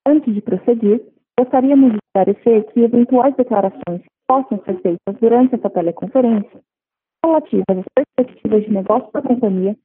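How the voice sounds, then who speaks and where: A woman's voice: fairly high pitch, a little fast, husky. A woman with a Brazilian accent reads a scripted conference call announcement as an operator, in a polite, formal customer service voice. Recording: muffled lo-fi conference phone line.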